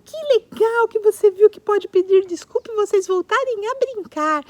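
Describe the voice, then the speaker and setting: A woman's voice: extremely high pitch, moderate pace, a little mellow, no room sound, voice pushed up. A woman voicing a kind little female giraffe who speaks sweetly and coaxingly in a make-believe story for small children. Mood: cheerful.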